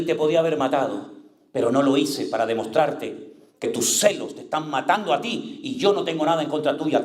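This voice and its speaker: A man's voice: on the high side, echoey room. A male pastor preaching an impassioned sermon, acting out the voices he quotes.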